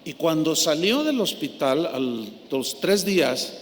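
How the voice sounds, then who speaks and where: A man preaching a sermon and telling a story, with an animated delivery that swings from hushed to loud. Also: on the high side, slow pace. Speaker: pastor. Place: large church hall. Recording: echoey hall, faint noise.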